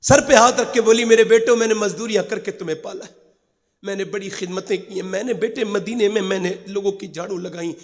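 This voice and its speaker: Male preacher, high and gravelly, in a reverberant hall with a live crowd; moves from soft storytelling to shouted peaks and calls for responses. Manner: swings between hushed storytelling and high shouted climaxes. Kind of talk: emotional Urdu sermon. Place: large gathering hall.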